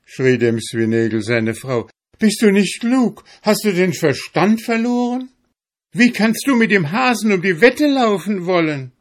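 A man voicing a fretful female hedgehog wife in a fairy tale, crying out loud and high. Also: very animated, a little slow, few pauses. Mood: alarmed. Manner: shrieking, scolding.

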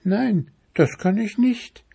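A man voicing a tiny, calm male chanterelle mushroom in a storybook reading, with a squeaky little voice and a friendly, unbothered manner. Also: slow, creaky, breathy edge, heavily acted.

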